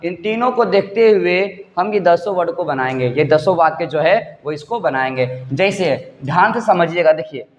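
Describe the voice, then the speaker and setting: A male teacher with a Bihari Hindi accent, slowly dictating a lesson and quizzing students with repeated questions. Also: high-pitched. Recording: dull lo-fi sound with long room echo.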